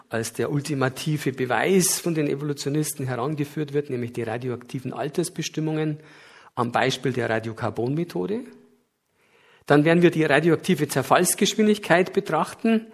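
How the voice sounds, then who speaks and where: A middle-aged guest lecturer with a light Bavarian accent gives a public lecture, explaining things earnestly with occasional hesitations. His voice is on the high side with a breathy edge.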